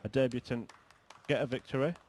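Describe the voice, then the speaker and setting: A man's voice: medium pitch, steady tone, a little fast. A man commentating live on a darts match, describing the play and the players. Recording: very noisy live sports broadcast.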